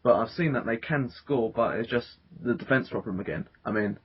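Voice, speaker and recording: A man's voice: medium pitch, brisk, breathy edge. A man hosting a casual football podcast, talking with many fillers and restarts. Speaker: podcast host. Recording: dull lo-fi podcast audio.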